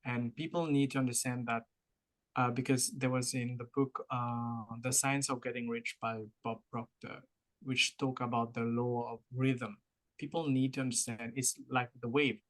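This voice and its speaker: A man's voice: mid-range voice, little pitch movement, normal speed, poor audio. A man with a French-Mauritian accent co-hosting a podcast, talking casually and motivationally, explaining through analogies with encouraging repetition. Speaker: podcast co-host.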